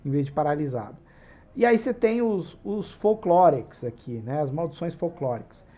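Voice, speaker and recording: A man's voice: a little high, animated, normal speed, warm tone. Chatty Brazilian man explaining game rules. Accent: Brazilian Portuguese. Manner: chatty, digressive, constant "né?" and "tá?" tag questions. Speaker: tabletop RPG channel host.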